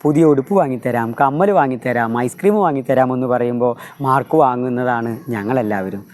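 Male teacher with a Malayali accent, retelling a story for a class with feeling and fillers, mellow tone. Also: medium pitch, brisk. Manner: emotive storytelling with many filler sounds.

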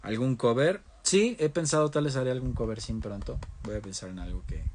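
A young Mexican man hosts a casual phone livestream, reading viewer comments aloud and answering them one after another while switching between Spanish and English. His voice is medium-pitched and a little fast, with slight hiss or hum.

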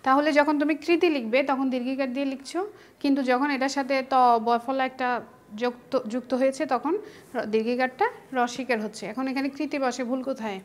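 Female teacher, Bangladeshi Bengali accent, high pitched, patient step-by-step online lesson delivery. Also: steady tone, fairly quick. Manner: patient, explains step by step to students.

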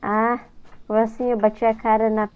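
This gaming YouTuber is a young woman with a Brazilian Portuguese accent, chatting casually through a let's-play, easily startled and talking to the game. Her voice sits on the high side with little pitch movement, and she speaks at a moderate pace in a clear, resonant tone. The recording sounds dull and lo-fi, with game music in the background.

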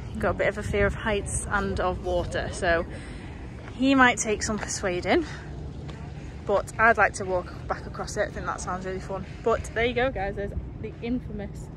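A woman's voice: medium pitch, noisy background. Chatty woman vlogging outdoors. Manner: chatty and rambling, with frequent fillers. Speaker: travel vlogger. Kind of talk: casual travel vlog narration. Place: outdoors on a city waterfront.

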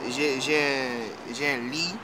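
A man's voice: medium pitch, steady tone, slow. A man in his twenties from Texas with a Cajun and Creole French accent, answering interview questions casually and searching for words. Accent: Louisiana French, Creole and Cajun. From Texas, United States. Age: 20s. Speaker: musician being interviewed, fiddler. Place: outdoors in a yard by a house and street. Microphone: camera mic a short distance away. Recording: noisy outdoor camera recording.

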